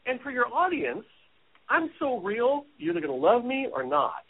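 A man with an extremely high-pitched, husky voice that swoops wildly speaks at a moderate pace. He's a business strategist in his forties from Hawaii, appearing as a guest in a casual talk show interview from home, chatty and self-deprecating, with phone-like audio.

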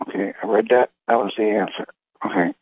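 A man leading a spiritual meditation talk, reading questions and answers deliberately in short, halting phrases. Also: fairly low pitch. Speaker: meditation leader. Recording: roomy, thin phone-like sound.

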